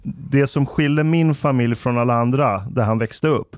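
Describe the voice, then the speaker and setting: A man's voice: medium pitch, no echo, studio quality. A man hosting a podcast, talking enthusiastically and casually. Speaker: podcast host.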